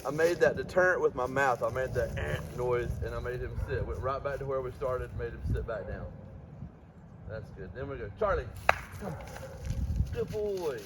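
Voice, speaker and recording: A man's voice: medium pitch, animated, a little fast, very noisy. A man working as a dog trainer, explaining each step of a walk while giving his dog commands outside. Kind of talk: outdoor training demonstration.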